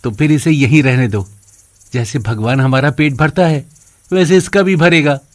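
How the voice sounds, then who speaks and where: A man's voice: fairly high pitch, normal speed, dry recording, studio quality, close to an everyday voice. A man voicing a kind, poor laborer in a cartoon, reassuring and generous.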